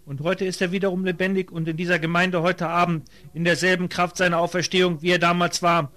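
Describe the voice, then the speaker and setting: A man's voice: high-pitched, little pitch movement, quick pace, bright, forceful tone. A man interpreting a sermon, preaching fervently.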